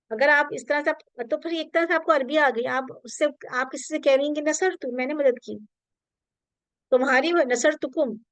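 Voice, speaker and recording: A woman's voice: high voice, no echo. A woman teaching an online Arabic grammar class, patient and reassuring, slipping English terms into her explanations.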